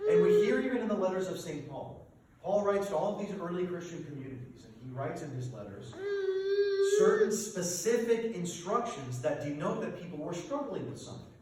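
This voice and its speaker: A man, a priest, preaching a sermon in an emphatic, animated way, asking rhetorical questions of his congregation. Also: on the high side, a little hiss or hum. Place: church sanctuary. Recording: echoey church from a distance.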